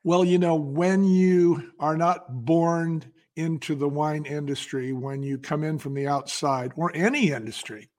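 A male company founder sharing business stories as an interview guest. His voice sits a touch higher than most men's, and he talks emphatically and folksily, hammering home points by repeating phrases. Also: a little slow, hardly any pauses, a little mellow. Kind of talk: animated storytelling in an interview.

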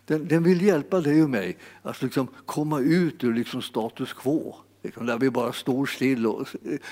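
A man's voice: mid-range voice, darkish tone. En man som predikar med många omtagningar och upprepade ord, som ibland stegras till utrop. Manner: halting, repeats words, rises to exclamations. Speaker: preacher. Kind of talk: sermon. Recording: long hall reverb.

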